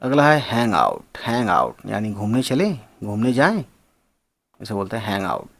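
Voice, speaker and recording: A man's voice: lowish voice, very animated, moderate pace, vocal fry, fairly bright tone. Guy explaining english slang casually, spells stuff out, says things twice, talks to viewers like friends. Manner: spells words out and repeats phrases, addresses viewers as friends. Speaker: English teacher.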